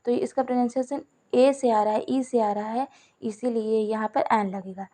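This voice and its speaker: A woman teaching a grammar lesson with a slightly high voice. She goes step by step, repeats her examples and poses questions only to answer them herself. She speaks warmly to her viewers as friends. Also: steady tone, moderate pace. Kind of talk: Hindi-language grammar lesson.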